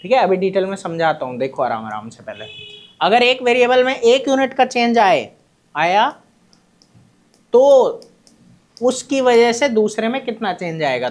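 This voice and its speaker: A male teacher giving a classroom lecture, who keeps asking his students short questions, answers them himself, and calls them his children. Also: high-pitched. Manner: addresses students fondly as children.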